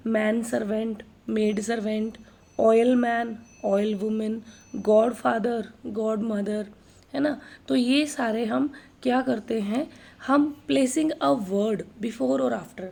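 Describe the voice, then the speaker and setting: A woman teaching a grammar class at a slow, deliberate pace, spelling out word lists one item at a time. Her voice is fairly high, with a gravelly edge. Her tone is dark and mellow, and she keeps checking in with short tag questions. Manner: slow, dictating word lists, mixes English into Hindi; tag questions like "है ना" between points. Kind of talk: grammar lesson for exam prep.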